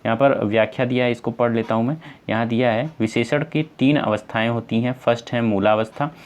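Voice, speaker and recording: A man's voice: mid-range voice, fairly even intonation, fairly quick. Man teaching Hindi grammar. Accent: North Indian Hindi. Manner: explains step by step, asks and answers own questions; addresses viewers as friends, many fillers. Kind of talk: exam-prep lesson.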